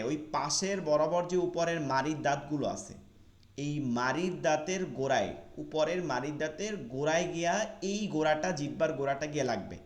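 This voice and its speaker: A man leads an online Quran pronunciation lesson in a fairly high voice. He patiently repeats each sound slowly so his students can copy it. The room around him is echoey. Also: a little mellow. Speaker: Quran recitation teacher.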